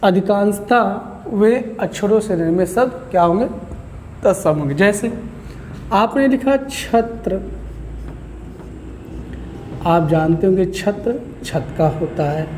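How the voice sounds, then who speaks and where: A man's voice: high voice, lively intonation, slow pace, long pauses, darkish tone, long reverb tail, a little hiss or hum. A man teaching Hindi grammar to a class, who asks questions and answers them himself. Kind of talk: classroom lecture.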